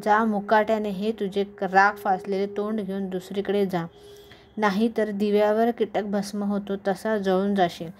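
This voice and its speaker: A woman's voice: medium pitch, flat delivery, measured pace, close to an everyday voice. A woman voicing a fierce, scornful goddess in a devotional scripture reading, in a noisy home recording. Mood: furious. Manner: scolding, contemptuous.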